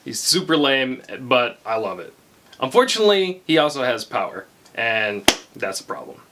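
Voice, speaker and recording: A man's voice: medium pitch, big pitch swings, normal speed, background noise. A man narrating a video game review with joking asides and playful commentary.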